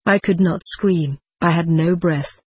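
Husky-voiced man narrating a story. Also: on the high side, unhurried, no echo. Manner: dramatic, expressive reading. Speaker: audiobook narrator. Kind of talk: first-person story narration.

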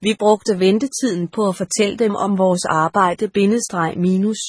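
Husky woman reads a story, dry sound, barely changes her voice for the characters. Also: medium pitch, fairly even intonation, no echo. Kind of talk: audiobook narration.

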